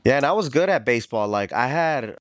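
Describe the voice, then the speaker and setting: A man's voice: medium pitch, expressive, fairly quick, no room sound, studio quality. A man in his thirties from Los Angeles, a podcast guest chatting in an easygoing, laid-back way. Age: 30s. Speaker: podcast guest, delivery driver. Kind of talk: casual chat.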